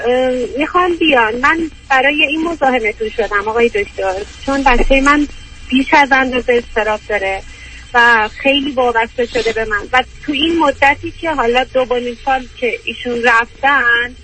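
Woman caller from Iran, over a faint, hissy phone line, high voice, halting delivery. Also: bright, forceful tone. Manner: halting, long roundabout telling. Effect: voice heard over a phone line on a radio call-in. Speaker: caller to a radio advice show. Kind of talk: call-in consultation. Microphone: hand-held phone. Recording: distant noisy phone line.

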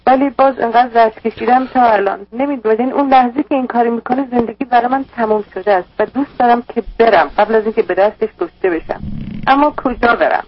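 A woman calling a radio advice show, talking in a distressed, rambling way about her troubles. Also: on the high side. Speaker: caller. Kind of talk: call-in radio conversation. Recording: dull lo-fi radio broadcast.

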